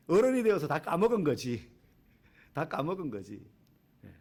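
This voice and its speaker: A man's voice: a little high, breathy edge. A man preaching a sermon as a pastor in a church, talking in a conversational way, asking the congregation questions and acting out quotes.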